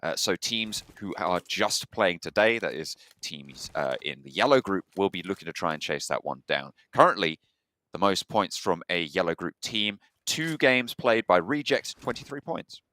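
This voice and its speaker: Low, bright-toned male esports caster. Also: lively intonation, moderate pace. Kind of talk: esports commentary.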